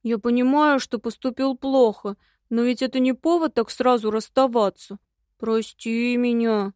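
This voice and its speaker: A sly husband who fawns and wheedles to win his wife back, put on by a woman reading an audiobook. The reading stays fairly high in pitch and sounds dry and close-miked. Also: a little slow, darkish tone, no echo, lightly acted. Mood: wheedling. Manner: wheedling, fawning. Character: fawning estranged husband, sly liar.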